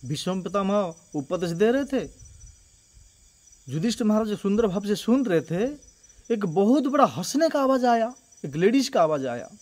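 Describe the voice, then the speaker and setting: A man's voice: sits high, big pitch swings, normal speed, a little mellow. A man narrating a devotional storytelling, earnest and doubling his words for emphasis.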